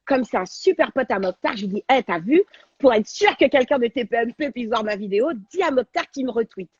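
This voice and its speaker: A woman, a guest on a talk show, telling a personal story in an animated, slangy, dramatic way over a video call. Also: fairly high pitch, a little fast, slightly rough, dry recording, lo-fi sound. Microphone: video call on a livestream.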